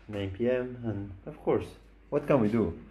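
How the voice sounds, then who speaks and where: A man's voice: fairly low pitch, measured pace, a crowd in the background. A man with an Argentine accent chatting casually at home for a vlog, coaxing his pet and baby in a playful, teasing way. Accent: Argentine Spanish. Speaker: vlogger. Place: home, indoors.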